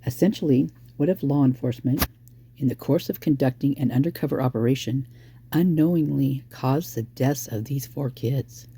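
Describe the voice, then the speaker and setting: A hoarse true crime commentator speculating casually and thinking aloud, breaking into exclamations at sudden ideas. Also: medium pitch, moderate pace, mellow, slight background noise.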